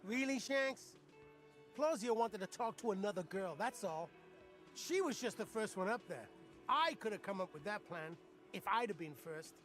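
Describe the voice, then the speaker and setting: A man putting on a high, scoffing dockworker. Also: animated, normal speed, fairly bright tone, faint music behind. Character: scoffing young male dockworker, dismissive.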